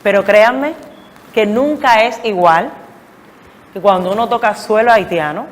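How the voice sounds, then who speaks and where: A woman giving a reflective academic talk, explaining deliberately and emphatically with searching pauses. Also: medium pitch. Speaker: academic lecturer. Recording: long echoing hall reverb.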